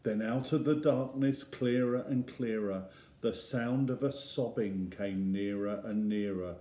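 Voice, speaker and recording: A man reading a picture book to children, slow and gentle, and he stops to ask the listener questions. His voice is mellow and warm. It rings a little through a roomy space. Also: lowish voice. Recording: roomy echo.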